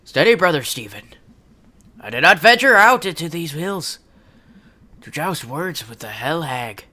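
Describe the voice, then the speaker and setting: A man voicing a steady, pompous young pioneer who speaks in slow archaic declamation. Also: on the high side, exaggerated voice. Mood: steadfast.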